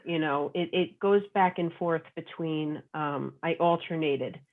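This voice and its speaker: Over tinny, phone-like audio, a guest author from Long Island, New York, chats casually in an interview, rambling with plenty of fillers. Her voice is low-pitched, fairly even, and unhurried.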